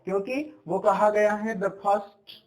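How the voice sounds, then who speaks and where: A man teaching spoken English as a lesson, explaining slowly and repeating himself with fillers. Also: high-pitched, fairly even intonation, poor audio. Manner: slow, repetitive explaining with fillers.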